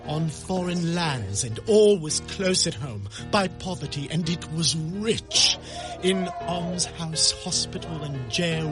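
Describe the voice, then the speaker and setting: An actor playing a grave, expressive storybook narrator, theatrical and deliberate, in an old radio drama style. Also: male voice, mid-range voice.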